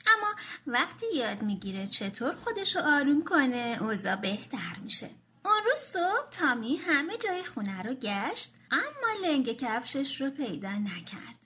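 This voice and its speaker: A woman reads a bedtime story to children in an animated, expressive way. Her voice is high and bright, and it swings up and down a lot. Soft music plays behind her. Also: slight background noise.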